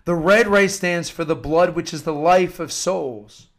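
Speaking a little slowly, a high-voiced American man with a fairly bright tone delivers an earnest sermon. The talk is informal and devotional, mixing in scripture-like readings, and he stresses ideas by repeating phrases emphatically.

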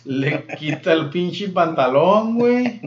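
A man's voice: high-pitched, animated, slow. A man with a Mexican Spanish accent casually telling crude jokes full of slang. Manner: crude slangy storytelling, bursts of loud laughter. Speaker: podcast co-host telling jokes. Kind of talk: casual joke-telling chat. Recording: roomy, dull lo-fi sound.

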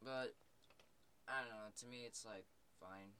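A young man chatting casually in a laid-back, halting way with frequent restarts. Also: lowish voice, fairly even intonation, very noisy. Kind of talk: casual chat.

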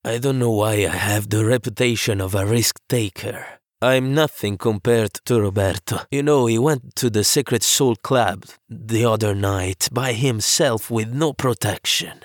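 A smooth, self-assured crime-family man, voiced by an audiobook narrator, calm and charming. He speaks low and measured, in a dry, close sound. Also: no echo, natural voice. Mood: suave.

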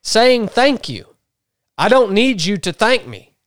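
A man's voice: high voice, sing-song, slow, a bit bright, dry recording, clean studio sound. A man hosting a podcast, ranting bluntly and restarting his sentences. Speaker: podcast host. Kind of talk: casual chat.

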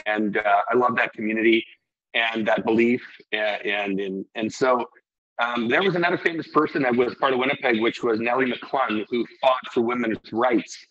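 Middle-aged brewery owner guy, husky voice, rambly and earnest, dull lo-fi audio. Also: medium pitch, moderate pace, a bit bright. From Iceland. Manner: rambling, restarts often, earnest. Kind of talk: casual interview talk.

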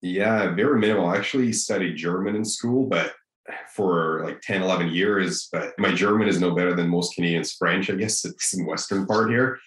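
A man's voice: low voice, moderate pace, fairly bright tone, echoey room, rough recording. A man in his thirties from Russia, a native Russian speaker, easygoing as he tells his story as a podcast guest. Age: 30s. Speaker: guest, mortgage broker. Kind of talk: interview answers.

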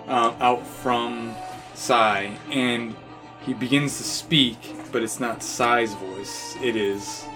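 Male tabletop player, mid-pitched, hesitant casual game talk, music clearly behind. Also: takes it slowly.

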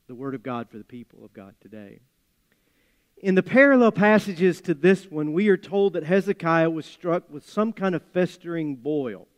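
Appalachian preacher, higher-voiced man in reverberant hall. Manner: measured, deliberate phrasing with emphatic pauses and folksy asides. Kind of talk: sermon with scripture reading and storytelling.

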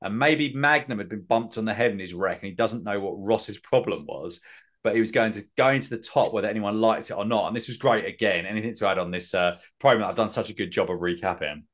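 A man's voice: fairly low pitch, quick pace, a bit bright. A man hosting a podcast, recapping in a rambling, self-mocking way with many fillers. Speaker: podcast host. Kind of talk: casual recap chat.

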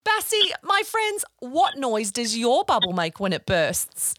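High, animated woman hosting for children. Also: unhurried, no echo, clean studio sound. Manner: gushing, encouraging, sing-song kid-friendly delivery. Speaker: host of a children's podcast. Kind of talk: talking to young children, guided feelings exercise.

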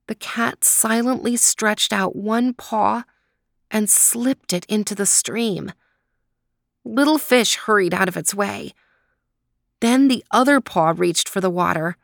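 A middle-aged woman calmly reading a children's story aloud in a gentle, drawn-out way. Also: mid-range voice, dry recording, clean studio sound.

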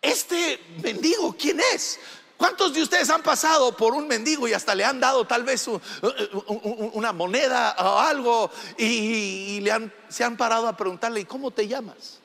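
A man preaching a sermon, emphatic and sometimes shouting, asking the congregation questions. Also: extremely high pitch, moderate pace, vocal fry, long reverb tail. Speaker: pastor.

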